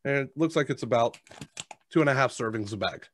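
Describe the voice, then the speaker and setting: An American man in his thirties, from the United States, hosts a snack review, chatting casually and matter-of-factly while munching crunchy snacks. He talks fast at medium pitch, indoors at a desk on a video call with a headset, and there's a little hiss or hum.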